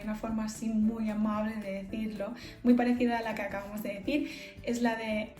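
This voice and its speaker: A woman's voice: mid-range voice, a little mellow, reverberant. A woman from England with an English accent, patiently explaining phrases in a bilingual language lesson. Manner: explains patiently, switching between English and Spanish. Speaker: English teacher.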